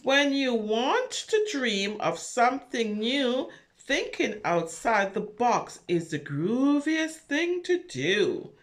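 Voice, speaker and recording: A children's story reader and craft host reads a picture story aloud and chats with preschoolers, talking straight to them in an animated, encouraging, sing-song manner. Her voice is fairly high and she speaks slowly.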